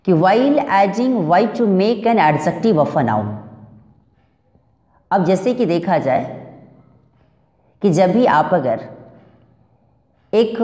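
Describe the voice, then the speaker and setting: A woman teaching spelling rules, speaking English, slowly repeating words and checking that her students follow. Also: medium pitch, warm tone. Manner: slow, repeats words and asks "clear?". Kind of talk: spelling lesson. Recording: echoey room with long reverb.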